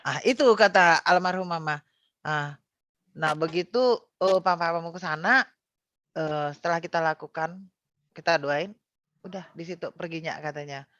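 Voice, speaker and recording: A woman's voice: lowish voice, normal speed, long pauses, fairly bright tone, dry recording. A middle-aged woman from Indonesia casually recounting a personal experience, with frequent fillers and self-corrections. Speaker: guest sharing personal testimony. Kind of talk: casual spoken testimony.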